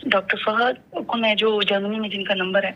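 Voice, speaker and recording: A woman from Pakistan calling in on the phone to give a halting, earnest, self-reproaching testimony. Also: medium pitch, steady tone, dull audio. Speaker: caller giving testimony. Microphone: phone line.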